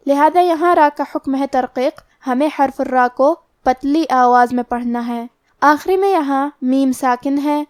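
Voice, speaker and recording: A woman teaching the rules of Quran recitation, explaining each letter carefully and then reciting slowly. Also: high voice, a little mellow, dry recording, clean studio sound. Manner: careful, explanatory, slows right down to recite verses. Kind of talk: tajweed lesson with slow recitation.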